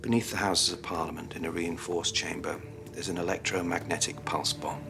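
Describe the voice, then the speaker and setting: An actor playing a grave, weary, commanding older intelligence chief in a television spy drama. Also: male voice, low-pitched, flat delivery, fairly quick, creaky, noisy background. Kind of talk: naturalistic TV drama acting. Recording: loud dramatic music behind.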